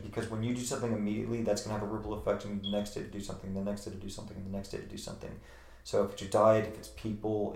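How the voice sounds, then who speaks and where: A man with a low, gravelly voice speaks in an earnest, emphatic way as an interview guest. He gives motivational advice and hammers his points home by repeating them. The room adds a clear echo around him. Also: darkish tone. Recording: roomy echo.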